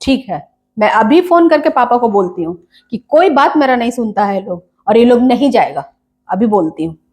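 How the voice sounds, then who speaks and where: A woman playing a complaining, scolding mother in a comedy sketch, nagging in quick bursts. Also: fairly high pitch, animated, darkish tone, close to an everyday voice.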